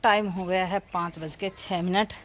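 A middle-aged mother from rural Haryana, India, vlogs about her family in a Haryanvi accent, chatting casually and giving instructions around her village house and open courtyard. She records on a handheld phone, her lowish, slightly bright voice holding a steady tone at a moderate pace.

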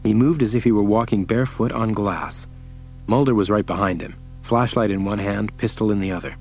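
A man reads an audiobook as its narrator, in a steady and measured way. His voice sits fairly low. Faint music plays under his reading. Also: poor audio. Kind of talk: scripted narration.

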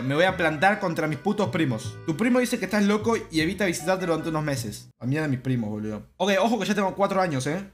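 A man's voice: high voice, fairly bright tone. A young man with an Argentine accent, a brash, profane streamer reading game text aloud and commenting. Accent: Rioplatense Spanish. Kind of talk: casual gameplay commentary.

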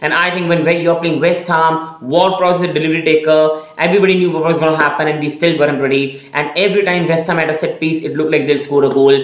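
A man's voice: fairly high pitch, steady tone, fast talker, hardly any pauses, echoey room. A young man hosting his football channel, giving opinionated fan analysis to the camera from a small room, with many fillers and restarts. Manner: opinionated, earnest, repeats phrases with many "again" and "uh" fillers.

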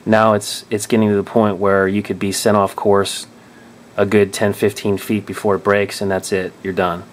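Low-voiced man explaining drone settings. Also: flat delivery, normal speed. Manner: thinking aloud, frequent restarts and self-corrections. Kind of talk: casual tutorial explanation. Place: indoors at a table.

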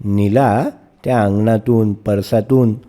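A man reads a children's story at a slow, unhurried pace. His voice is mellow and dark-toned. He stops often to quiz his young pupils on words. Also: fairly low pitch, steady tone. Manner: storyteller who pauses to question young pupils. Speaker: teacher. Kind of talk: reading a story aloud and explaining it to children.

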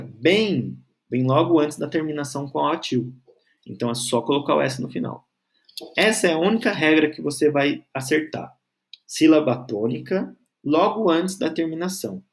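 A man teaching a grammar lesson, patiently stretching out syllables and checking in with the learner. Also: on the high side. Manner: patient, spells out syllables slowly, frequent "tá?" and "certo?" checks.

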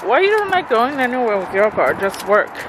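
A woman's voice: a little high, big pitch swings, brisk. A woman, vlogging in a chatty, playful way outdoors by a car and at a mall. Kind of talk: casual vlog chat. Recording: street and car noise behind.

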